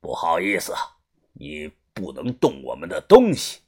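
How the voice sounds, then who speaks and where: Narrator doing a grave, low old man. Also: huge pitch swings, heavily acted. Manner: low, slow, half-whispered. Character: old man, gang leader, steady and grave.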